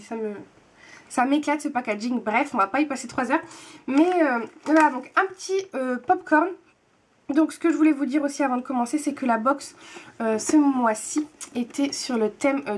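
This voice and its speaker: A young woman in her twenties chatting to camera as she unboxes a monthly tea box, gushing and repeating words for emphasis. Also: high voice. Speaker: book and tea vlogger. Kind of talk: casual unboxing chat to camera.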